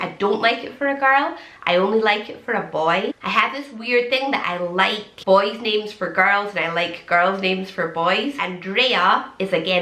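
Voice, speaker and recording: A young pregnant woman talks casually and enthusiastically to camera, full of quick asides. Her voice is bright and clear, with a middling pitch. The room around her rings with noticeable echo. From Scotland. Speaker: vlogger. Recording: echoey room.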